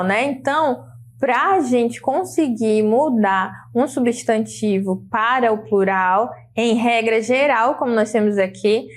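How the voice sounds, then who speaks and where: A woman with a Brazilian Portuguese accent gives a patient, step-by-step grammar lesson in a fairly high voice. She keeps checking in with her students as she goes. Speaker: English teacher. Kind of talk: classroom lesson explaining grammar.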